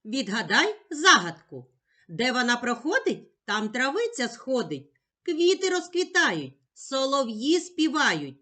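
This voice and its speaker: A woman teacher giving a slow, carefully spoken lesson to a child, gently addressing the child and sounding out words and letters one by one. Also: high voice, big pitch swings.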